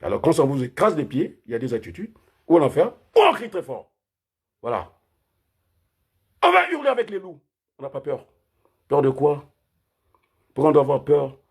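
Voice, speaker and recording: A man delivering an impassioned political rant, firing off rhetorical questions and repeatedly raising his voice almost to a shout. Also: fairly high pitch, wildly swooping pitch, moderate pace, creaky, long pauses, slightly rough. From Republic of the Congo. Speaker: political commentator.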